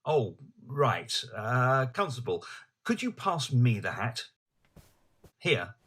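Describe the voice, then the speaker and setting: An actor playing an eager, slightly slow Victorian police inspector in an audio drama, chatty and blunt. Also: male voice, mid-range voice, big pitch swings, a bit bright, breathy edge, full character voice. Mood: brisk.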